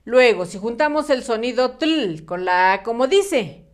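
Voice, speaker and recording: Slow, lively teacher woman. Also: fairly high pitch. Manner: slow, encouraging, repeats syllables for children. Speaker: primary school teacher. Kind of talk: children's phonics lesson.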